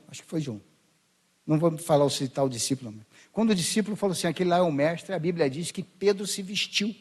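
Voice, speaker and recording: Male Brazilian pastor, high-pitched, conversational sermon in church, plays scenes out. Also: darkish tone, breathy edge. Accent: Brazilian Portuguese. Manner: conversational, acts out voices of biblical figures.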